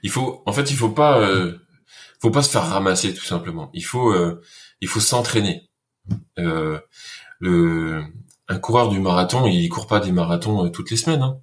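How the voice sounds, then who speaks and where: A man who served in the military, telling an interviewer about training in an earnest, halting way with many fillers. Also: low-pitched. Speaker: guest, former soldier. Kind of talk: casual interview.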